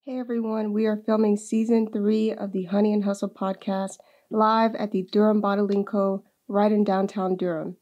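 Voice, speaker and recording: A woman hosting a podcast, introducing the show and her guest with friendly, softly hesitant phrasing. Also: mid-range voice, level tone, normal speed, muffled recording. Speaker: podcast host.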